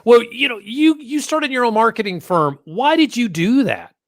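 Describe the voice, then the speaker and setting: A man's voice: very high voice, expressive, normal speed, fairly bright tone, no echo. Chatty man hosting a podcast, dry sound. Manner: chatty, jokey, self-deprecating. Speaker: host. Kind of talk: casual interview podcast.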